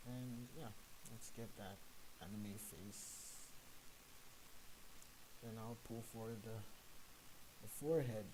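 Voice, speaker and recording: A Nigerian streamer and 3D sculpting artist chats casually on a live stream while he sculpts. He sounds nervous, hesitant and self-conscious, with a fairly low voice, a slow pace and frequent pauses. His microphone is hissy.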